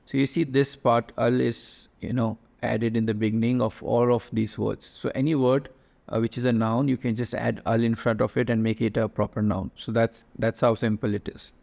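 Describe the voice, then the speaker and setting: A man talks through a slide-based lesson in a gravelly voice. He moves step by step, stopping and restarting often and filling the gaps with little sounds. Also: medium pitch, level tone, moderate pace, a little mellow. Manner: explains step by step with many fillers and restarts. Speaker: language teacher.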